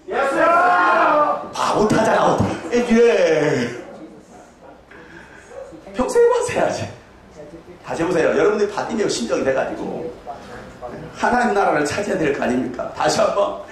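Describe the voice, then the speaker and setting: Male pastor, high lively voice, sermon in an echoey church hall, bursts into shouted reenactments. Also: normal speed, far from the mic, a crowd in the background. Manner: animated, shouting dramatic reenactments.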